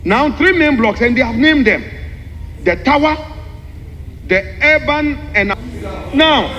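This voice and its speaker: Very high-voiced man speaking in parliament. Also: lively intonation, pushed and bright, dull audio. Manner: emphatic, deliberate, repeats phrases for emphasis. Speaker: member of parliament. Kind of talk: formal parliamentary speech, explaining a document point by point. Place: large parliamentary chamber. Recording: echoey hall with long reverb, background noise.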